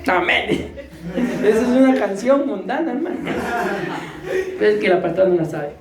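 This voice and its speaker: Breathless pastor, high voice. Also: male voice, animated, moderate pace, roomy sound, a loud crowd. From Costa Rica. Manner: conversational, jokey preaching with questions to the congregation. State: short of breath. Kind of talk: sermon. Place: church hall.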